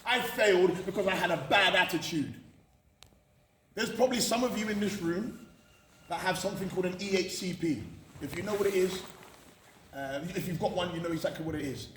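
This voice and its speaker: With a high-pitched, fairly bright voice, this British college motivational speaker talks fairly quickly but leaves long pauses, candidly and emphatically urging students on and repeating phrases for effect. The indoor room echoes, the mic is far off, and faint noise is present.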